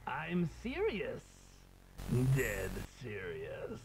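The Joker, slow, wildly swooping villain. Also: male voice, medium pitch, huge pitch swings, exaggerated voice. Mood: darkly playful. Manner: drawling, theatrical, with cackling laughter. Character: theatrical, menacing, mocking clown villain patient. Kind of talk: scripted analog horror acting. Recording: tinny, noisy degraded tape.

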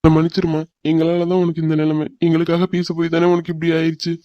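A man's voice: a little high, monotone, fast talker, dark tone, no echo, highs cut off, natural voice. A man voicing a kindly old grandfather in a cartoon drama, asking questions in a concerned way.

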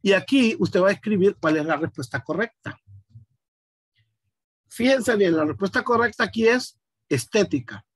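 High-voiced male teacher walking through a lesson. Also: moderate pace, pauses often, slightly rough, dry recording, studio quality. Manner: explains step by step, asks students questions. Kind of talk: online class demonstration.

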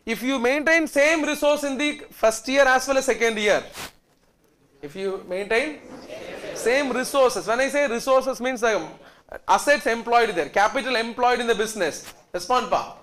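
Very high-pitched South Indian man lecturing. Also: moderate pace, a bit bright, slight background noise. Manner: emphatic, repetitive, prompting students to respond. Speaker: accountancy teacher. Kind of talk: classroom lecture with repeated check questions. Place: indoor classroom. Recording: echoey classroom sound.

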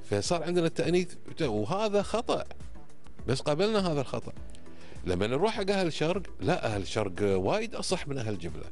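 A man's voice: a little high, sing-song, fast, darkish tone, soft background music. Emphatic Kuwaiti man with a Gulf Arabic accent. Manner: emphatic, didactic, frequent checking tags. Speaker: podcast guest. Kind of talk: animated explanatory conversation on a podcast. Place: indoor podcast studio. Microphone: close studio microphone on boom arm.

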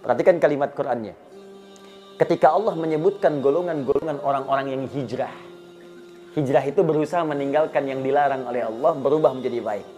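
A middle-aged man preaching a sermon, telling stories with acted dialogue and recited verses, swinging between loud emphasis and soft asides. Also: medium pitch, fast talker, soft background music. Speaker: Islamic preacher.

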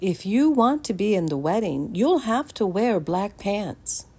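A woman playing a patient, gently firm mother. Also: mid-range voice, breathy edge, pitched above the performer's own voice, exaggerated voice. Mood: gentle firm. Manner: calm, measured, kindly insistent.

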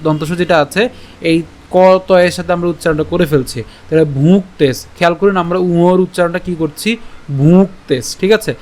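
In an online lesson, a man teaches the pronunciation of Sanskrit verse, slowly breaking words into syllables and checking understanding with rhetorical questions. His voice is high-pitched with a darkish tone.

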